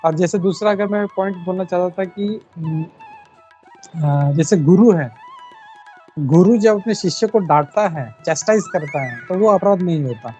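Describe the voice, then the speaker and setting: A man's voice: sits high, unhurried, warm tone, highs cut off, soft background music. A man leading a devotional scripture class in Hindi sprinkled with English, explaining earnestly and repeating his key points. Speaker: class leader.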